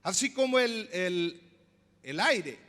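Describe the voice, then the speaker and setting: A male pastor preaching a sermon, explaining slowly, repeating words and asking the congregation questions. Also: high-pitched, expressive, a bit bright, big-room sound. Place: church.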